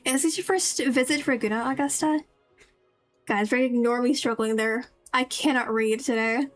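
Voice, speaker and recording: Her voice sits fairly high and moves at a moderate pace as she talks her way loosely through a video game for her stream audience. Game music fills the background.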